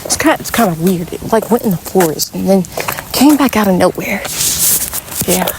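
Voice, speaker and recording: A woman's voice: mid-range voice, normal speed. A woman vlogging outdoors on a rural road, chatting and coaxing animals in a sweet baby-talk voice. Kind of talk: casual vlog walking with animals. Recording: steady outdoor background noise.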